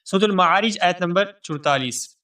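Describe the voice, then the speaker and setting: A man teaching tajweed, chanting verses slowly and melodically and explaining the rules quickly and plainly. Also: high voice, pushed and bright, recorded from a distance. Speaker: Quran recitation teacher. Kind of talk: tajweed lesson with recitation.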